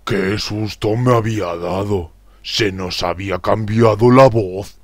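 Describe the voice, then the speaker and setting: A man with a deep voice playing a character in a children's music lesson, speaking slowly and expressively to young viewers. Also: no room sound. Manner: slow, exaggerated teacher-like speech to children. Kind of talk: children's educational acting.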